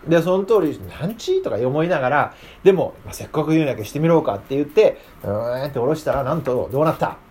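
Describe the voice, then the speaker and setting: A man's voice: fairly high pitch, fast, hardly any pauses, slightly rough. A man leading a casual, interactive Bible lesson, often putting questions to his listeners. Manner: lively, asks the group questions. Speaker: Bible class teacher.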